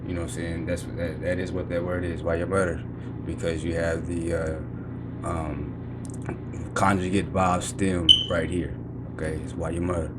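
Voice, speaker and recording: Deep-voiced man explaining over road noise. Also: level tone, normal speed. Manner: explains points over and over, repeats "you know what I'm saying". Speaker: commentator reacting to a teaching clip. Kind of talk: casual explanatory commentary.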